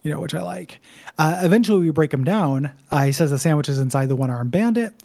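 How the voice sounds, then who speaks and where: A man's voice: a little high, animated, fast, vocal fry, warm tone. A man co-hosting a show, recapping a game story in loose, laid-back casual conversation. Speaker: co-host of a video game discussion show.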